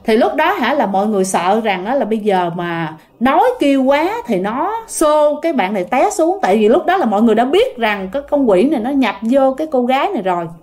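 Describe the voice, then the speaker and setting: A woman's voice: on the high side, a little fast, few pauses. A woman telling a ghost story casually, talking directly to her listeners. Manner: animated, addresses listeners directly.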